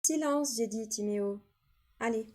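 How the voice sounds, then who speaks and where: A woman voicing a kind but firm female schoolteacher in a toy play-acting story, brisk and directive. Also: on the high side, a little mellow, faint music behind, natural voice.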